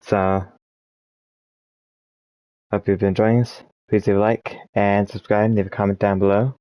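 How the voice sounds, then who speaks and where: A man playing a text adventure game, reading its passages aloud slowly and commenting between them, with small slips and restarts, and troubled by hiccups. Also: fairly low pitch, level tone, no room sound, muffled recording. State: has the hiccups. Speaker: let's play narrator.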